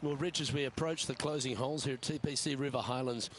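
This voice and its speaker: A man's voice: mid-range voice, steady tone, fast, fairly bright tone, close to an everyday voice. A man playing an upbeat, composed golf commentator in a video game broadcast. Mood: measured, engaged. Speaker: golf commentator, lead announcer. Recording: outdoor ambience noise behind voice.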